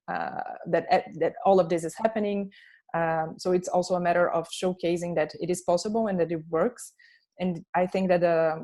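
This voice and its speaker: A woman researcher answering questions on a video call, thoughtful and pausing often with filler sounds. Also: fairly low pitch, dark tone. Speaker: researcher presenting findings. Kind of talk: online panel answers.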